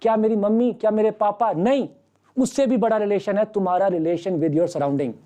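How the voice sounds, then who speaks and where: A man's voice: sits high, moderate pace, warm tone. A man who teaches maths, giving a fatherly motivational talk to students in an online class and asking them rhetorical questions.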